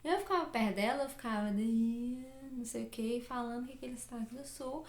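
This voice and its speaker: A woman's voice: on the high side, brisk. A young woman from Minas Gerais with a Minas Gerais Brazilian Portuguese accent, chatting casually to camera as a vlogger and rambling with many fillers and self-corrections. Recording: echoey room.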